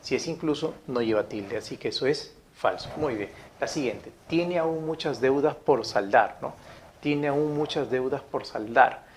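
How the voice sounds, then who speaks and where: A man teaching a grammar lesson, reading each example sentence slowly, saying it twice and checking in with his listeners. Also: mid-range voice, slight background noise.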